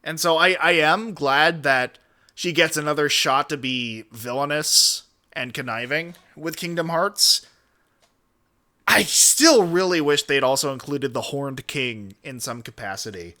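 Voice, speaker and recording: Reacting to a video as a streamer, a man rattles off opinionated, casual commentary, wandering off on tangents and cursing a lot while staying emphatic. His voice runs high, sharp and expressive, at a measured pace.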